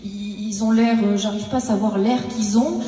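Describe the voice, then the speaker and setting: A woman performing a comic stage monologue, telling her story haltingly and acting out her own lines of dialogue. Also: medium pitch, fairly even intonation, over music. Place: stage in a large hall. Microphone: handheld stage mic. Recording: echoey hall, mic at a distance.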